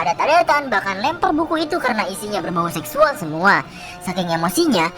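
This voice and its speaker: A woman narrating a film recap in a casual, chatty style with slang asides. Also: a little high.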